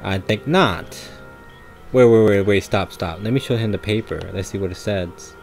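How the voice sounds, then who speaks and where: A man's voice: on the low side, normal speed, darkish tone, faint music behind. A man commenting on his gameplay, thinking aloud in a hesitant way with frequent fillers and restarts. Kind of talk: thinking aloud while playing.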